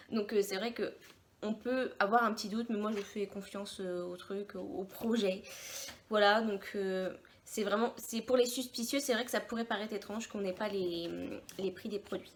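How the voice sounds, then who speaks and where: Chatty woman unboxing beauty products. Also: medium pitch. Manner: chatty, meandering, thinking aloud. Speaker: beauty vlogger. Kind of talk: casual unboxing chat.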